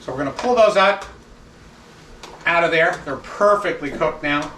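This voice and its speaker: A man chef giving a step-by-step cooking demonstration in a relaxed, instructive way, stopping now and then to restart a phrase. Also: on the high side, normal speed, slight background noise. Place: kitchen. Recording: echoey kitchen, mic at a distance. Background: sizzling pan sounds.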